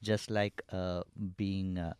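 A man's voice: low-pitched, little pitch movement, slow, darkish tone, smooth, no room sound. A man with an Indian accent explaining casually and hesitantly as a podcast guest, checking in as he goes.

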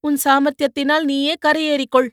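A woman voicing a spirited, sharp-tongued young boatwoman who answers with mocking retorts, in an audiobook. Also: high-pitched, flat delivery, a little fast, dry recording, studio quality, voice pushed up.

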